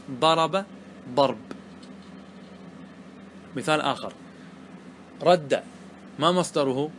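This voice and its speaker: A man's voice: on the high side, fairly bright tone, slight background noise. A man teaching Arabic grammar, patiently asking and answering his own questions as he explains a verse poem.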